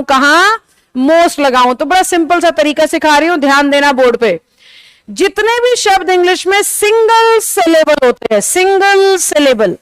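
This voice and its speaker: A high-pitched woman teacher leads a classroom grammar lesson in a close, dry-sounding recording. She explains patiently, keeps checking whether her students follow, and draws out the key example words slowly for emphasis. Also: no echo. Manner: explains patiently, checks understanding with rhetorical questions. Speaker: English teacher. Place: classroom with a board.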